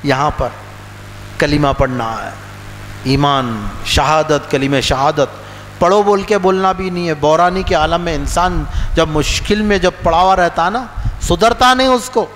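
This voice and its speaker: High-voiced preacher in a reverberant hall. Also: male voice, a little slow. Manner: emphatic, repeats phrases, swings between soft low lines and raised outbursts. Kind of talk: religious sermon. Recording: long hall reverb with faint noise.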